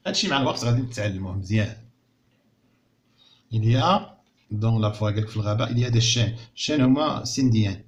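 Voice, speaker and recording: A man teaching a recorded lesson in Moroccan Arabic. He repeats words slowly and carefully, then explains them in Arabic. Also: lowish voice, expressive, a little hiss or hum. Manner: slow, drawn-out word repetition. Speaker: primary school teacher.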